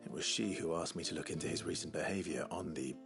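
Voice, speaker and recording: An actor playing a composed, sceptical male adventurer in a video game, speaking in a measured, questioning way. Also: rumbling low, vocal fry, music in the background. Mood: calm, sceptical.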